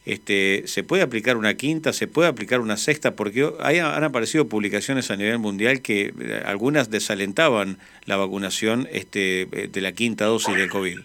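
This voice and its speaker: A man with an Argentine Spanish accent, a radio host asking questions in a relaxed, chatty way. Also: lowish voice, moderate pace, few pauses. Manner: conversational, informal.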